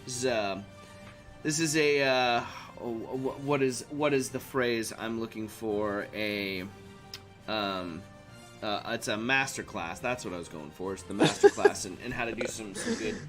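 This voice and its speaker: A man's voice: fairly low pitch, measured pace, fairly bright tone, soft background music. Rambling man hosting a stream. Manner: rambling, many fillers and restarts. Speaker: streamer host. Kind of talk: casual live-stream chat.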